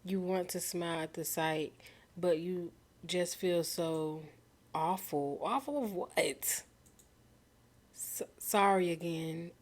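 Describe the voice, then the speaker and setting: A woman's voice: on the low side, flat delivery, slow pace. A woman streamer playing a game, reading its text aloud and reacting in a casual, slangy, incredulous way. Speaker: gaming streamer.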